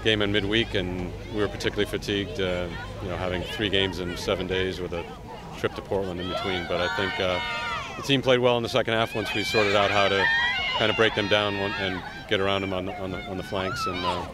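A middle-aged man, a head coach, giving a measured post-game interview full of pauses and fillers. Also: deep voice, sing-song. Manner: measured, frequent "uh" and "you know". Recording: loud outdoor stadium crowd and noise.

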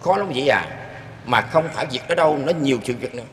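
A man's voice: medium pitch, animated, fast talker, fairly bright tone. An older man telling his own experience in an earnest, rambling way, often turning to address his listeners. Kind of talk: casual spoken storytelling. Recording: echoey room with long reverb and faint background noise.

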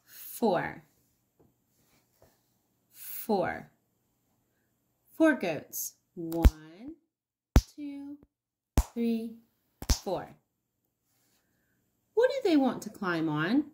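Slow, lilting woman teaching young children. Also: mid-range voice, huge pitch swings, noisy background. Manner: encouraging, sing-song, pausing for answers. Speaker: early-years teacher hosting an online circle time. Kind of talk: child-directed counting lesson with questions to viewers.

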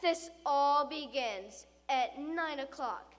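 Taking it slowly in her high voice, a woman plays a dramatic, scared schoolchild reciting a rhyming comic tall tale. Her expressive, theatrical storytelling sounds panicked and doomed, echoing in a reverberant hall.

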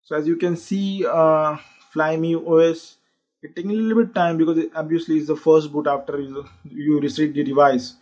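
A man's voice: a little high, fairly even intonation, moderate pace, a little mellow. A man walking through a phone tutorial in a casual, explanatory way, with frequent fillers. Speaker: tech channel host. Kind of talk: tutorial walkthrough. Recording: dull lo-fi sound.

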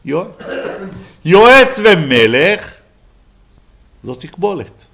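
A man's voice: sits high, big pitch swings, gravelly, a bit bright. A rabbi giving a Bible lesson to a live class, who keeps asking his listeners questions and then answering them himself.

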